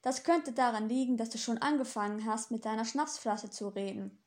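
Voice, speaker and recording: A woman voicing a gentle, earnest male angel in an audiobook, polite and easily hurt. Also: on the high side, normal speed, lightly acted. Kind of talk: audiobook dialogue.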